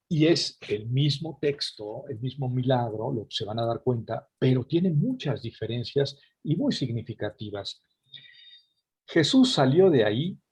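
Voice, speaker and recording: A man with a husky, slightly breathy voice teaches an online class over a video call microphone. He explains a scripture passage at a middle pitch and keeps turning to his listeners with asides. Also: darkish tone. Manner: engaging, often addresses listeners with asides. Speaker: lecturer on scripture.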